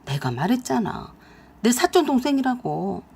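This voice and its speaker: Brief: cornered young boyfriend voiced by a woman, defensive and pleading, voice dropped low, husky. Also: big pitch swings, normal speed, a little mellow, full character voice.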